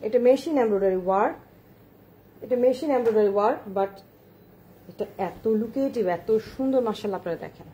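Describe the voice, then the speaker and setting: A woman's voice: mid-range voice, a little fast, warm tone, slight background noise. A woman showing shawls on a live stream, chatty, repeating herself and urging viewers to look closely, slipping English words into her speech. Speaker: online shawl seller. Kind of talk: live-stream product showcase.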